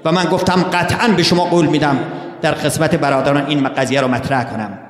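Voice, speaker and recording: A man's voice: fairly high pitch, fairly even intonation. A man giving a sermon who answers his own rhetorical questions and calls his listeners brothers and sisters. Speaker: religious speaker. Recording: echoey hall with long reverb.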